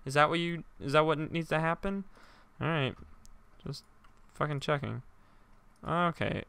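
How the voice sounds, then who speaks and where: A young man giving let's-play commentary, joking, swearing and shouting as he reacts to the game. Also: fairly high pitch, vocal fry, clear, resonant tone. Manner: jokey, profane, quick to shout. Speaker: gaming YouTuber.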